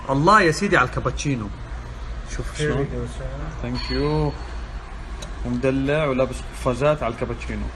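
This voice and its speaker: With a brisk, mid-range voice and long pauses, a social media vlogger chats playfully and exclaims into the phone in his hand. He's in a car and at a petrol station, talking casually to the camera. Traffic noise is loud on the phone recording.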